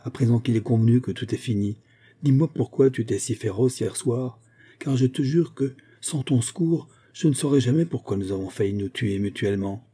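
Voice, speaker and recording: A man's voice: mid-range voice, a little fast, mellow, slightly rough, lightly acted. A man voicing a jovial young male officer in a novel, hearty and teasing as he talks. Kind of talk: audiobook character reading.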